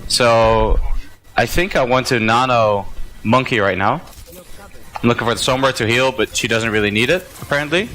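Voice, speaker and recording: A man's voice: mid-range voice, normal speed, pushed and bright, low-quality recording. A man giving reflective, self-critical commentary on his own match, with hesitant fillers between thoughts. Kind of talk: gameplay commentary.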